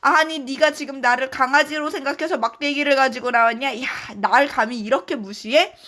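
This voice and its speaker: A woman voicing a boastful, mocking giant male warrior in a children's Bible story, taunting with booming laughter. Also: brisk, sharp tone.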